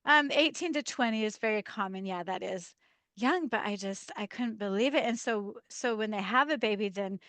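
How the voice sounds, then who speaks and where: Brief: woman guest on a video call, animated storyteller, laughs a lot, middle-pitched voice, dry close sound. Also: moderate pace, dry recording. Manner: animated storyteller, laughs often, acts out quoted dialogue. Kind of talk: casual interview storytelling.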